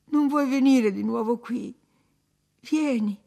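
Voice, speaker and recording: A dying young woman in a storybook reading, bitter and feverish, her voice climbing high and loud in accusing outbursts, as a woman reader voices her. The tone is impassioned and raw. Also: steady tone, a little slow, gravelly. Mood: pleading.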